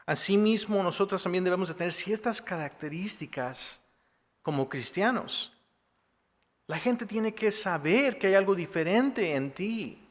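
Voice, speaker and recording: A man preaching a Spanish sermon in a friendly, joking way, with a slightly high voice and a long church-hall echo. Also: expressive, unhurried. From Mexico. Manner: conversational, joking asides with rhetorical "¿verdad?". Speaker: assistant pastor. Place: church sanctuary.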